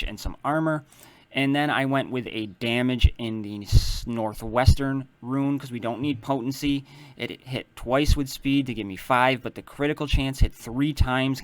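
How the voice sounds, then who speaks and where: A man talks through a game character setup in a loose, explanatory way, often stopping to correct his own wording. His voice sits at an ordinary middle pitch. It is recorded dry and close, with no room sound. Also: no room sound. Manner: relaxed, explanatory, starts many lines with "so"; self-correcting, loose phrasing. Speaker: mobile game guide maker. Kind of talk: casual game strategy walkthrough.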